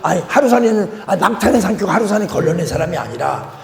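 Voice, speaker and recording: A man's voice: high-pitched, lively intonation, quick pace, creaky. An older man preaching a guest sermon in a church, folksy, with joking asides to the congregation. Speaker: guest pastor. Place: church sanctuary. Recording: echoey church hall.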